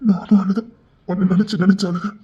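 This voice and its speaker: Husky-voiced man telling an emotional story. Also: sits high, flat delivery, fast, mellow. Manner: emotional, tearful delivery of his characters. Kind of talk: dramatic audio story narration. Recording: dull lo-fi recording.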